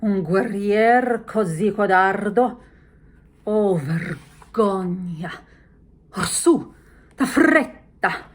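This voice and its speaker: A woman reading the text of a commanding, tormented noblewoman sleepwalking, moving between hushed whispers and forceful, drawn-out declaiming. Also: mid-range voice. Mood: commanding, scornful. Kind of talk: dramatic reading of opera text.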